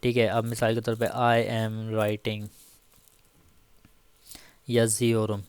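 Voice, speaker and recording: A male teacher talks through a casual grammar lesson at an unhurried, deliberate pace. His voice is smooth and resonant. He repeats each example patiently, and the recording is dry and close. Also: on the low side, completely flat delivery, no echo. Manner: slow, repeats each example with frequent "theek hai". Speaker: Turkish language teacher.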